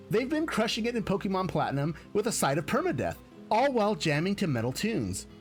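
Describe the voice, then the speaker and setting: A man's voice: high voice, pitched above the performer's own voice. A man voicing a bubbly young Valley Girl woman who gushes in slangy chatter.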